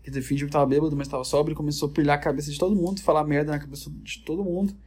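A man's voice: fairly high pitch, fairly even intonation, rapid-fire, a little mellow, breathy edge. A man with a Brazilian Portuguese accent rambling through comedic, profane reality-show commentary. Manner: rambling, profane, jokey storytelling. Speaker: vlogger.

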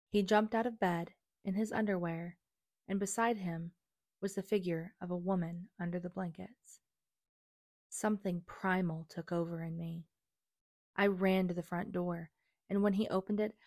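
A woman's voice: fairly low pitch, darkish tone, no room sound, studio quality. A young adult woman reading her personal memoir aloud in an earnest, confessional way. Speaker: memoir narrator.

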